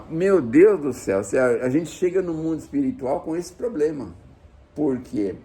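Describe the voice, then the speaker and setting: A man giving an informal spiritual lecture to a live audience, animated and folksy. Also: medium pitch. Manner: animated, folksy, uses diminutives and acted asides.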